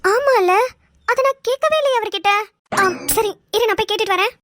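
A woman's voice: very high-pitched, moderate pace. A woman doing a chatty, teasing young wife. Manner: chatty, teasing, animated storytelling.

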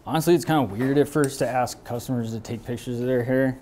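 A man in his thirties, a barber and shop owner, talking casually while he works, relaxed and rambling with many fillers, moving around the room away from the camera mic. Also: medium pitch, fast, slight background noise. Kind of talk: casual talk while working. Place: barbershop with brick walls, indoors.

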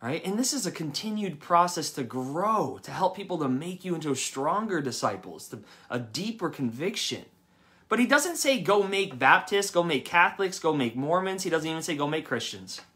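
Bright-voiced animated young preacher man. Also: a little high, moderate pace. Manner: animated, conversational, quotes people in lively voices. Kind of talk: sermon. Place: church service.

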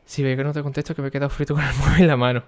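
A young man, chatting casually on a stream and talking to his viewers by name, often keeping his voice low for the neighbours. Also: little pitch movement, racing. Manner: speaking quietly for the neighbours.

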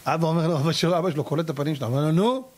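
A man giving a sermon as a rabbi, telling a story and acting out its characters with cries and exclamations. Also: fairly high pitch. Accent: Israeli Hebrew. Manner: animated, acts out characters and cries out.

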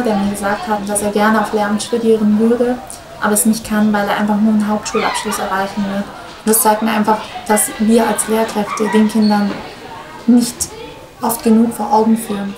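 Earnest young woman in a roomy classroom. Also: medium pitch. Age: 20s. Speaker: student teacher. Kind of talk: interview.

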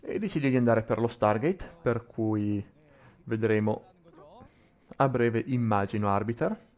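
Male esports commentator, halting phrasing. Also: fairly low pitch, a little mellow. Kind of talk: live video game match commentary.

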